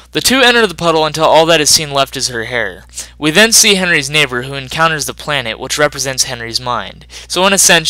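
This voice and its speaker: A man reading a scripted voice-over analysis of a film in a measured, explanatory way. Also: medium pitch, pushed and bright, clear, resonant tone, no room sound, poor audio.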